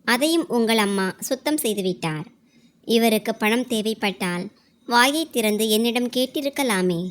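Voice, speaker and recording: A woman voicing a sharp-tongued, scornful young daughter-in-law who mocks and accuses. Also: on the high side, expressive, moderate pace, close to an everyday voice. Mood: accusing. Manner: mocking, accusing.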